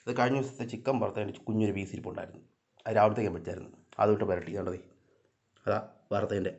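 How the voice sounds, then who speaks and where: A man filming a casual vlog, talking to his cats, coaxing them and now and then scolding them in loud, high calls. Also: fairly even intonation, very fast, highs cut off. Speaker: vlogger. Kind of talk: casual vlog talk to camera and pets.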